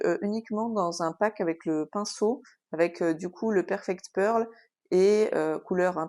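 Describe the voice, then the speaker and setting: A woman's voice: on the low side, dark tone. A woman hosting a casual craft tutorial, explaining at an easy pace with frequent hesitations and filler sounds. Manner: chatty, explanatory.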